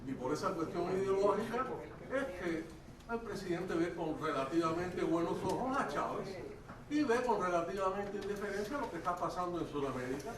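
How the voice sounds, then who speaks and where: A man's voice: sits high, lively intonation, brisk. A man in the audience of a conference making an insistent, emphatic argument, heard from a distance in a hall. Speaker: audience member commenting. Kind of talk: impassioned audience comment. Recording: echoey hall from afar, crowd behind.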